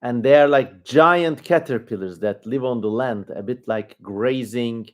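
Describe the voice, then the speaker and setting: A man's voice: medium pitch, measured pace. Turkish-accented man rambling on a livestream. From Turkey. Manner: rambling, informal, thinking aloud. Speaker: livestream host. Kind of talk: casual livestream commentary.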